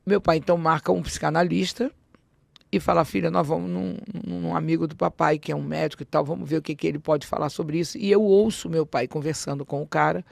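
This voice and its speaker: A woman with a gravelly voice recounts a personal experience as a podcast guest. She talks animatedly and acts out the dialogue, stumbling and restarting often. The sound is dry and close, with no room behind her. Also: sits low, steady tone, fast talker, no room sound. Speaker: interview guest. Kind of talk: personal storytelling in a podcast interview.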